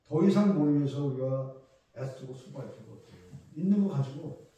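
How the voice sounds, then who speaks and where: A male pastor giving a sermon, asking the congregation questions and swinging between loud emphasis and soft asides. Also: fairly high pitch, brisk, dull audio. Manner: conversational preaching with questions to the congregation. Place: church sanctuary. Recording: echoey church room, mic at a distance.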